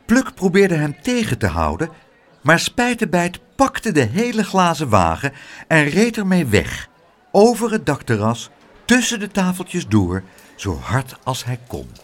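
A man reading a children's book aloud, dramatic and expressive throughout. His pitch sits a touch high and swoops widely from phrase to phrase. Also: a little slow. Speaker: narrator.

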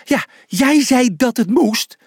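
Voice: mid-range voice, lively intonation, takes it slowly, slightly rough, dry recording, clean studio sound, pitched above the performer's own voice, exaggerated voice. A narrator voicing a cheerful, simple-minded young male zebra in a children's storybook, in an eager, snuffly way. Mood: puzzled.

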